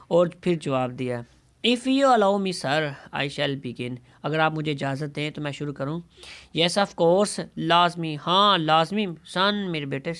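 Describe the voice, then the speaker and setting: Smooth-voiced male English teacher. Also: on the high side, a bit bright. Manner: addresses students as "son". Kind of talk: reading an English story aloud and translating it line by line.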